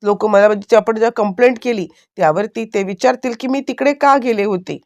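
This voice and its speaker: A woman's voice: mid-range voice, fairly quick, pitched above the performer's own voice, lightly acted. A woman voicing an anxious middle-aged woman who pleads and explains herself. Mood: pleading.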